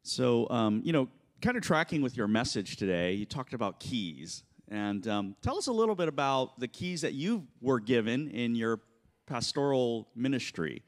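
A man's voice: mid-range voice, big pitch swings, moderate pace. A middle-aged man moderating a church Q&A on stage, talking casually with many fillers into a handheld mic.

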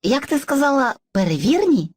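A woman's voice: sits high, big pitch swings, moderate pace, a little hiss or hum. A woman voicing Surzhyk, an eager, muddled boy who is personified mixed speech, in an educational cartoon, boastful and hesitant by turns. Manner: boastful, hesitant, playfully theatrical.

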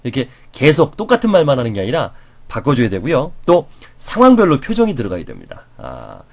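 A man lecturing as a professor on conversation skills, animated and acting out reactions as he explains. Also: medium pitch, fairly quick, gravelly.

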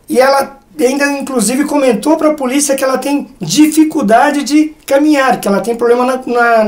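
A woman's voice: a little high, darkish tone. A woman presents the story, speaks straight to viewers, and interviews the guest. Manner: direct, addresses the audience. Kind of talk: news commentary addressing viewers.

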